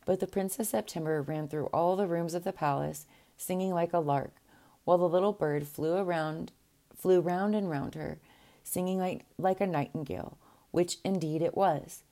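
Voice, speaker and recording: A woman reads a fairy tale aloud in a low, mellow voice. Her telling is measured and steady, with an occasional small restart. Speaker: narrator. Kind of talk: scripted narration of a fairy tale.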